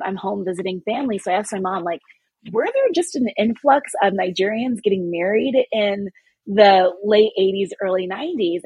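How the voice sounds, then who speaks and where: Podcast guest, woman from California, husky, expressive and chatty. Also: mid-range voice, no room sound, low-quality recording. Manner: animated, expressive storytelling. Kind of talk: casual chat.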